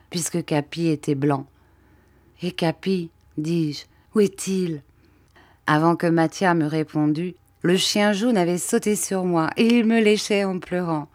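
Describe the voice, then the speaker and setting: Woman, audiobook narrator, measured, steady, deep voice, dry close recording. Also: no room sound. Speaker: audiobook reader.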